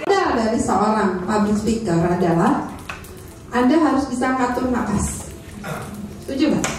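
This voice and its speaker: A woman's voice: on the high side, moderate pace, noisy background. A woman running a live public speaking training, energetically asking her audience for agreement. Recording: echoey room, speaker far from the mic.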